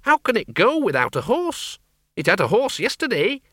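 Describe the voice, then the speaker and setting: A man voicing an anxious, bossy older farm woman, high-pitched and sharp. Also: wildly swooping pitch, moderate pace, dry recording, studio quality, exaggerated voice. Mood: fretful.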